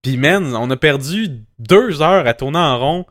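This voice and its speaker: A man's voice: a little high, animated, unhurried, fairly bright tone, dry recording, studio quality. A young man with a Quebec French accent chatting casually on a podcast, rambling and swearing casually, often putting himself down. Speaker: podcast co-host. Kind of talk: casual chat.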